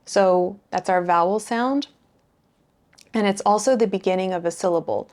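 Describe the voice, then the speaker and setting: A woman's voice: medium pitch, normal speed, a little mellow. A woman teaching a beginner language lesson, patiently repeating sounds and words one at a time and sometimes thinking aloud with fillers.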